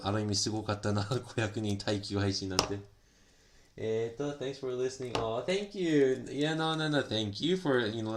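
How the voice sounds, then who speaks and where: A man's voice: medium pitch, slight background noise. A man chatting casually on a live stream while he works on a hobby project, switching between Japanese and English, politely greeting viewers by name. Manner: switches between Japanese and English, many fillers, laughs often.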